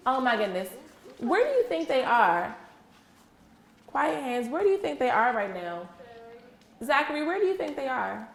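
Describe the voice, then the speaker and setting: In an echoey classroom with faint background noise, a woman teacher leads young children through an interactive read-aloud. Her high, creaky voice swings widely in pitch at a moderate pace with long pauses, as she patiently prompts them with questions and echoes back their answers.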